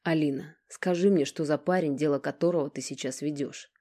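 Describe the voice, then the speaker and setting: A woman voicing a solid middle-aged father who speaks calmly and gently, sighing as he pleads. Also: sits low, fairly quick. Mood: pleading.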